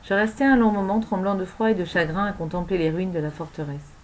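A woman narrating a novel aloud in an expressive storytelling manner. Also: on the low side, fast, a little hiss or hum, poor audio. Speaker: audiobook narrator.

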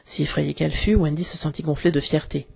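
A narrator reading a classic children's adventure aloud with lively, dramatic expression. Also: medium pitch, fairly quick, vocal fry, breathy edge. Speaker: audiobook narrator.

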